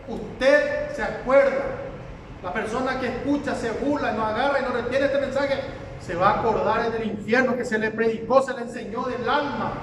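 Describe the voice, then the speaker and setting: A man with a very high voice preaches with emphasis, driving his points home by repeating them. He sounds distant from the microphone. A long hall reverb trails each phrase, with faint noise underneath. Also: fairly bright tone. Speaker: pastor. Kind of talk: sermon.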